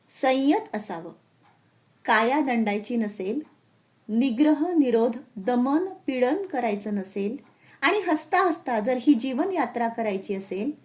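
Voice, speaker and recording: A woman reading a spiritual essay aloud in slow, measured recitation. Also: sits high, darkish tone. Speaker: reader and channel host.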